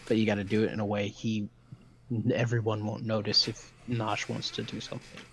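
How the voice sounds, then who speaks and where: A man's voice: on the low side, level tone, fairly quick, vocal fry. A man acting as game master of a tabletop game, explaining rules in an easygoing way with lots of fillers. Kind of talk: running a tabletop game, casual. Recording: faint room noise.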